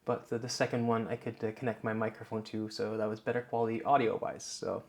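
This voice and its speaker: A laid-back YouTuber from the Netherlands chats to camera in his home office, picked up by a wireless lavalier. His voice sits fairly low and moves at a quick pace, with meandering explanations padded by frequent "uh"s.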